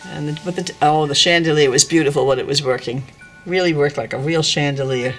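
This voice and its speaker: An older woman with a deep voice gives a casual tour of her dollhouse while filming it at home. She talks a little fast, unscripted, wandering off track and correcting herself as she goes, with faint music in the background.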